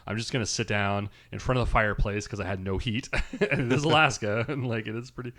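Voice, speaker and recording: A man co-hosting a podcast in casual chat, telling stories in a rambling, halting way and laughing a lot. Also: fairly low pitch, steady tone, a bit bright. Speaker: podcast co-host.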